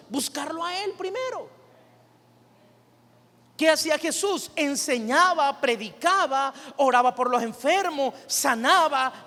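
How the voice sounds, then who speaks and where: High-voiced male pastor preaching. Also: pushed and bright. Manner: preaching with rhetorical questions and call-and-response. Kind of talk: sermon. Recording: long reverb of a church hall.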